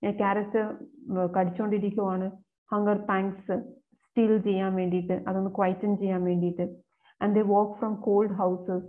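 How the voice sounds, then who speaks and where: A woman teaching an exam-prep class. She reads each question out slowly and then explains it at a quicker pace. Her voice comes through thin and tinny, like a phone line, at a medium pitch. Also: little pitch movement. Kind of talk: explaining exam questions, mixing Malayalam and English. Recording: phone-like narrow sound.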